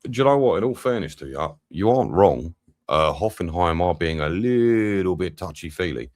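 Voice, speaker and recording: A young man with a low voice, reacting live to a football match and chatting with viewers as he goes. His pitch swings a lot as he talks, and he swears constantly in a loose, bantering way. The sound is dry and close. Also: lively intonation, moderate pace, darkish tone, no room sound. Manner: swears often, banters with chat. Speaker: watch-along streamer. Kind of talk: live match watch-along commentary.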